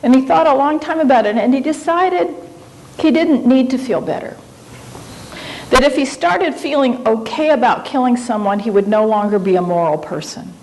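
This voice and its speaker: A woman's voice: high-pitched, normal speed, a little mellow, slight background noise, low-quality recording. A woman from Japan giving a conference lecture in an auditorium, speaking reflectively and conversationally as she searches for her words.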